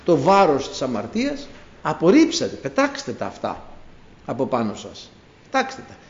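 A man preaching a sermon to his congregation, telling biblical stories with animated storytelling and acted-out dialogue. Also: a little high. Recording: echoey room, dull lo-fi sound.

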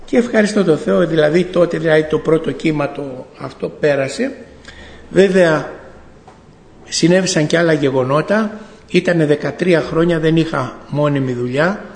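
A man's voice: a little high, creaky, darkish tone. A middle-aged man giving a spoken faith testimony to a congregation, telling the story in a storytelling way, acting out bits of dialogue and often correcting himself. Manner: storytelling, acts out dialogue, frequent self-corrections. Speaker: church member giving testimony. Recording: echoey hall with long reverb.

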